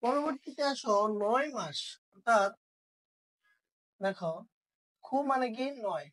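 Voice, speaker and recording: A woman's voice: on the high side, rough recording. A woman teaching an online language lesson, asking questions and answering them herself.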